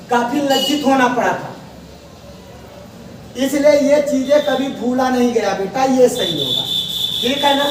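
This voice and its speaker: Guy teaching spelling, drags words out slow, asks students back, very echoey room, mic far off. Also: extremely high pitch, slight background noise.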